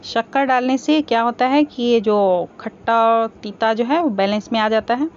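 A woman hosting a cooking channel, calmly explaining each step of a home recipe in a voice-over. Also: on the high side, normal speed. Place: home kitchen. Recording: slightly dull home recording with faint background hiss.

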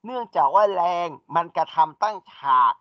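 A man's voice: sits high, normal speed, dry recording. A man teaching an engineering class, explaining step by step and asking his students questions. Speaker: engineering lecturer. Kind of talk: classroom lecture. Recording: dull dry lecture recording.

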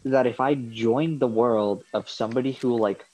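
A man's voice: medium pitch, normal speed, a little mellow, rough recording. A man playing a multiplayer game with friends, talking in a hesitant, wry way with many fillers. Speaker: co-player. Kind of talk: casual multiplayer gameplay chat.

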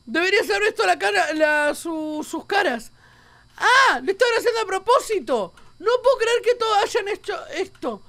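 A woman with an Argentine accent, a gaming YouTuber doing let's play commentary, excitable, often shrieking and laughing, with a sore throat. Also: extremely high pitch, moderate pace. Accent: Argentine Spanish.

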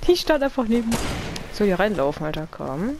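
Animated, excitable gamer in noisy chat. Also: mid-range voice, brisk. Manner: excitable, crude slangy banter. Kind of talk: casual gaming voice chat. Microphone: gaming voice chat microphone. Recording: noisy gaming chat with clicks.

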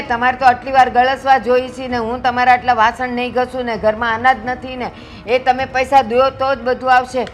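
A woman's voice: high-pitched, close to an everyday voice. An actress playing an elderly village mother, who scolds and complains with rising anger in a film drama. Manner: scolding, aggrieved, rising to shouts. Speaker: mother-in-law.

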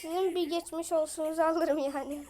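A woman with a voice off from illness, giving excitable live gameplay commentary, chatting in slang and yelling at opponents. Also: very high-pitched, a little fast. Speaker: gaming video creator.

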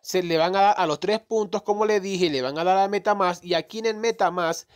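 Speaking high and a bit fast, a crypto gaming YouTuber casually talks over a phone screen recording. He rambles, corrects himself, and swears mildly while explaining a crypto game.

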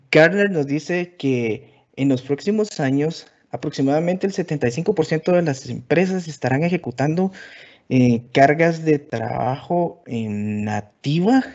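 Guatemalan man, webinar speaker, relaxed, frequent fillers, middle pitch, lo-fi sound. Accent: Guatemalan Spanish. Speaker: conference speaker. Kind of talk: technical webinar presentation.

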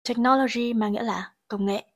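Teaching English grammar and pronunciation, a woman explains each answer on an exam and reads the sentences slowly before translating them. Her voice is fairly high, and her intonation is fairly even.

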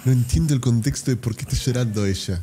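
A man with an Argentine accent giving casual reaction commentary as a streamer, with quick offhand slangy remarks and frequent laughter. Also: medium pitch, warm tone, a little hiss or hum. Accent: Argentine Spanish.

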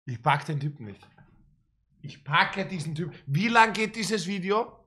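A man's voice: sits high, animated, measured pace, bright, forceful tone, breathy edge. A man in his thirties with an Austrian accent, giving exasperated, sarcastic, mocking reaction commentary. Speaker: reaction streamer. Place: small indoor room lined with clothing racks.

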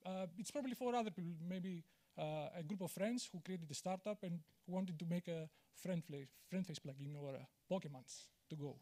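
A man's voice: high voice, normal speed, hardly any pauses, dark tone. A man, giving a conference talk on stage in a large auditorium, candid and self-deprecating, with many fillers and restarts. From Greece. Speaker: conference speaker. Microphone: handheld mic.

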